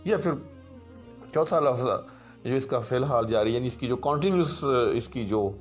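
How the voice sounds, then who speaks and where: A man teaching Arabic grammar in a patient lecture, who often checks in with "right" and recites word forms slowly one after another. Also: medium pitch, animated, faint music behind. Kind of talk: explanatory lecture.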